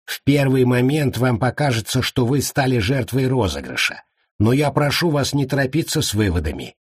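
A man's voice: mid-range voice, expressive, moderate pace, breathy edge, dry recording, studio quality, pitched above the performer's own voice. A man doing a smug, mocking fat monk. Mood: smug, teasing. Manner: mocking, self-satisfied.

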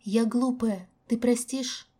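A woman's voice: fairly high pitch, fairly even intonation, slow pace, warm tone, breathy edge. A woman reading the lines of an anxious young woman who pleads on the verge of tears in an audiobook. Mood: pleading.

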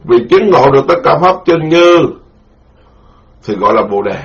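Monk, slow and deliberate. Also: male voice, a little high, animated. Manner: slow, deliberate, repeats key terms for listeners. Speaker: Buddhist monk teacher. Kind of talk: Buddhist dharma lecture. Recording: dull lo-fi recording.

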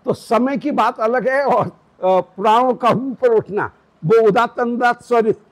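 A man's voice: very high voice, low-quality recording. A man giving a devotional scripture discourse, explaining Vedic pronunciation step by step. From South India roots. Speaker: religious teacher.

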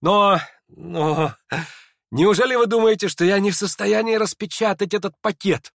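A man voicing a feverish, sick young man who talks in a shrill, excitable rush in an audiobook reading. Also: measured pace, dry recording, studio quality. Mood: hysterical. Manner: excitable, shrill, laughing strangely.

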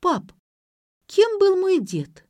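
A woman reading an audiobook, voicing a sharp-tongued young female student with mocking, quick retorts. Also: very high-pitched, very animated, dry recording, studio quality, voice pushed up, heavily acted. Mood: sarcastic.

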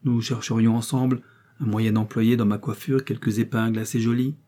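A man's voice: medium pitch, little pitch movement, a little fast, warm tone, lightly acted. A man voicing a vain young heiress who speaks with affected, falsely modest politeness.

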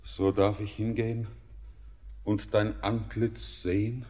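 Lovesick young man, slow, deep, echoing. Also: flat delivery, darkish tone. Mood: entranced. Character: entranced, lovesick young miner, anguished and yearning. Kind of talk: classic German radio play acting. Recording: radio play with long hall reverb.

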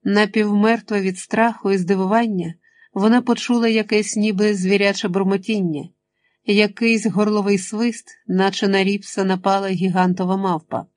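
A woman narrating an adventure audiobook in a steady, measured reading voice. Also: medium pitch. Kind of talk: scripted narration.

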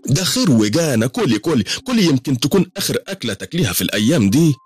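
A man's voice: mid-range voice, big pitch swings, very fast, a little mellow, husky, no room sound, voice pushed up. A man with an Egyptian accent voicing a cheerful, sly housekeeper who pushes food on her guest. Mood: pushy. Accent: Egyptian Arabic. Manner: bubbly, pushy.

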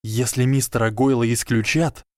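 A man voicing a quick-witted boy wizard who talks urgently and hisses warnings. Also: medium pitch, flat delivery, a little mellow, no room sound, studio quality, natural voice. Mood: urgent whisper. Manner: urgent, hissing.

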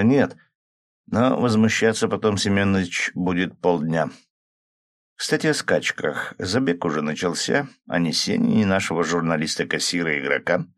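A man calmly narrates a first-person audiobook, shifting his pitch slightly to give the characters their voices.

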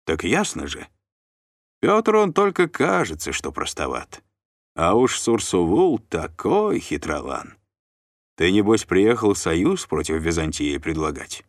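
A man's voice: deep voice, huge pitch swings, measured pace, dry recording, clean studio sound, exaggerated voice. A man voicing a plump, sly and jovial noble uncle who banters and bargains. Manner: chatty, bantering, scheming.

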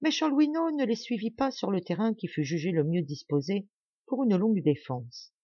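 Woman audiobook reader, mellow dark voice, dry close sound, dull lo-fi. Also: mid-range voice, expressive, breathy edge, no echo. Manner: measured, dramatic storytelling. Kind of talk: audiobook narration of a classic novel.

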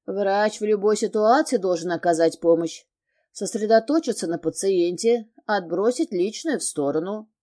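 A guilty husband and doctor, gruff and curt, speaking in short clipped phrases, read by a woman narrator. The voice stays mellow and mid-pitched, without much disguise. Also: normal speed, close to an everyday voice.

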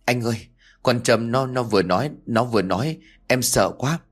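A man's voice: medium pitch, normal speed, natural voice. Man voicing a frightened whispering wife. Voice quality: soft, whispered. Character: frightened young wife, stepmother.

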